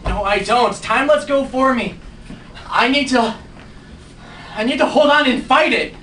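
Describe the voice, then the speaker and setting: Stage play: actress as an anxious, grieving young man; low-pitched, distant, heard through room noise. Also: normal speed, fairly bright tone, reverberant. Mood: pleading. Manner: pleading and fretful. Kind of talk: live stage acting. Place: small theatre stage.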